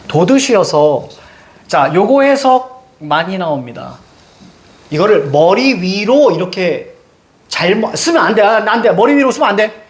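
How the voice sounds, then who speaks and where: A male literature teacher giving a lecture to students, animated and joking, with sudden loud outbursts. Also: high-pitched.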